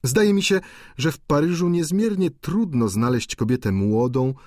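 A man's voice: a little high, lively intonation, moderate pace, a little mellow, dry recording, clean studio sound, voice pushed up. A man voicing an ambitious, earnest young student in an audiobook, with an eager manner.

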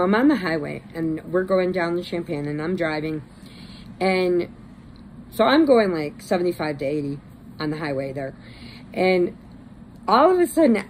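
A crochet vlogger from Illinois, United States, with an American Midwestern accent, chats casually, telling stories and showing off a yarn haul. She's chatty and laughs through her tales in a low-ish, slightly mellow voice, and the rough recording has slight background noise.

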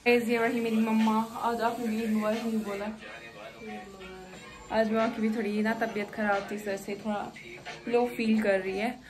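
Music plays under this young Kashmiri vlogger, whose fairly high voice comes at normal speed with a flat delivery. She chats casually to her phone at arm's length, narrating her day out on the streets, in a cafe and at home.

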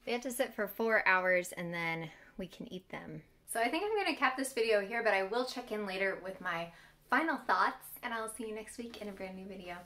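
A woman's voice: mid-range voice, expressive, fairly quick, sharp tone. Upbeat young woman vlogging in a roomy kitchen. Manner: chatty, upbeat talk to camera. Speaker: host. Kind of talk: casual cooking vlog. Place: home kitchen.

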